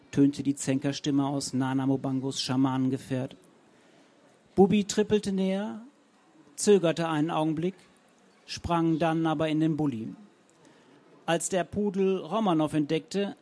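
A man reads an audiobook with a slightly higher than usual voice. His narration is lively and wry, savoring the comic images of the story. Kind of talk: audiobook reading.

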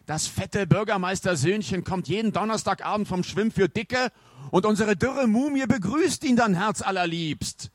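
A man's voice: high voice, moderate pace, no room sound, studio quality, pitched above the performer's own voice. Man doing a cheeky village boy. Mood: teasing. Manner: teasing, excitable. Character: cheeky village boy, bold then scared.

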